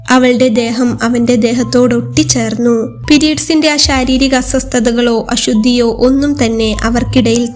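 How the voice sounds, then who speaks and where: A woman narrating a romantic story in a calm, even reading voice. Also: on the high side.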